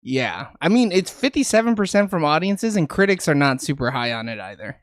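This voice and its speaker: A man's voice: on the high side, big pitch swings, brisk, no echo, studio quality. A man co-hosting a casual movie review discussion, crude, profane and opinionated in how he talks. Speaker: podcast co-host reviewing movies.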